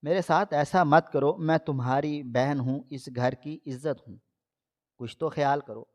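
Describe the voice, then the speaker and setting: A man's voice: a little high, lightly acted. A man reading as a desperate young woman pleading. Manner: pleading, insistent. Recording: dull lo-fi audio.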